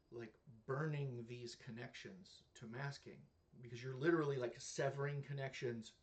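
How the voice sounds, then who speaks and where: A man's voice: mid-range voice, darkish tone. Earnest man talking to camera. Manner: earnest, conversational, with many "like" fillers and restarts. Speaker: reaction video creator. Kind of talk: casual reaction commentary.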